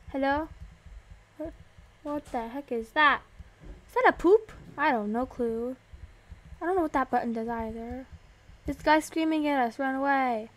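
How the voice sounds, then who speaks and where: A young woman giving casual, excitable commentary as she plays a video game, gasping and squealing at surprises. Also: high-pitched. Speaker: gaming video host.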